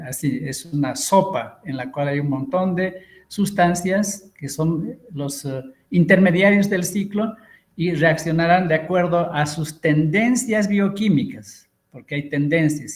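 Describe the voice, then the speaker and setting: A middle-aged man, giving an online lecture and explaining with pauses and fillers. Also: fairly high pitch, a little mellow. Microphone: computer mic on a video call.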